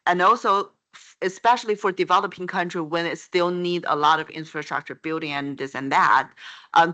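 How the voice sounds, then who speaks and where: A panelist giving remarks on a conference panel, talking fast and loosely with self-corrections. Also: mid-range voice, bright, forceful tone.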